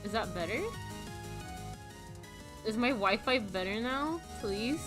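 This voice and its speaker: Sitting solo at a computer with a voice call setup indoors, this young live streamer talks slowly in an animated voice on the high side. She rambles casually in a slangy, self-deprecating way while background music plays.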